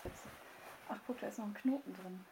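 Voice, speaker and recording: A woman's voice: mid-range voice, a little fast, dark tone, reverberant, rough recording. A woman podcast host chatting casually while getting dressed, singing bits and laughing, swearing playfully.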